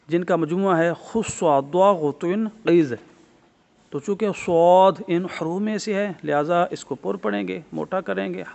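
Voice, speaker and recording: A man's voice: on the high side, vocal fry. A man with a Pakistani Urdu accent teaching a tajweed lesson, patiently explaining rules over and over and stretching sounds to demonstrate them. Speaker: Quran recitation teacher. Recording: dull lo-fi recording.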